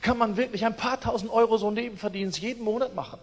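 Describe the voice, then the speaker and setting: An eager, salesy man pitching a quick-money scheme, as a preacher quotes him. His high voice echoes through a reverberant hall.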